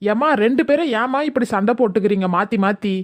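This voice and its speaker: A harried husband, played by a performer in a comedy skit who is stuck between his wife and his mother. He pleads and placates in a mid-pitched voice, trying to calm everyone down. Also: fast, close to an everyday voice. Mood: exasperated.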